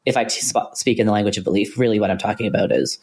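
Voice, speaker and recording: A man co-hosting a podcast, talking through ideas in a thoughtful, hesitant way with many pauses and restarts. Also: on the low side, creaky, a little mellow, husky. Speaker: podcast co-host. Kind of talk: casual philosophical conversation.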